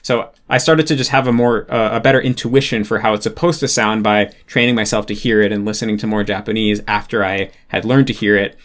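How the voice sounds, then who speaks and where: A man's voice: lowish voice, steady tone, fairly quick, few pauses, fairly bright tone. A man talking casually as an interview guest, explaining ideas thoughtfully and filling gaps with "like". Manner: thoughtful, explanatory, many "like" fillers. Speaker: interview guest, Japanese learner.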